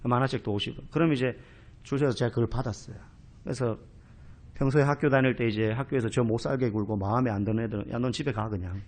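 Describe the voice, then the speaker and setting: A male pastor preaching an expository sermon in a church, telling stories in an animated way and acting out quoted speech. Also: medium pitch, fast talker. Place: church sanctuary.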